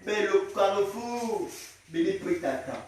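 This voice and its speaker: A man preaching a call-and-response sermon as pastor, exhorting the congregation, repeating lines for them to echo and breaking into shouts. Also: sits high, lively intonation, unhurried. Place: large echoing church. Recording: very echoey hall, mic far off.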